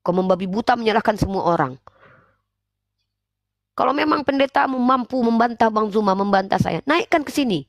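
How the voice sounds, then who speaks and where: A woman hosting a religious debate livestream, scolding and preaching in a forceful way. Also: on the high side, lively intonation, a little fast, long pauses, dry recording. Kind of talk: livestream talk.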